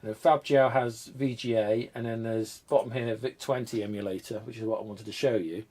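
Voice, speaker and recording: Congested from a cold, this retro computer channel host tinkers with hardware on a live stream, rambling, thinking aloud and making fun of his own disorganisation. He speaks briskly at medium pitch, with a steady, darkish tone.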